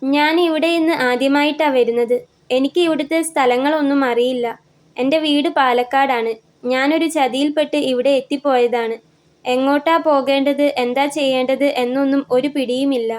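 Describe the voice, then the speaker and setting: A woman voicing a frightened young woman in a story, crying and pleading softly for help. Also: high voice, steady tone, moderate pace, lightly acted. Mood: tearful pleading. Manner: pleading, soft.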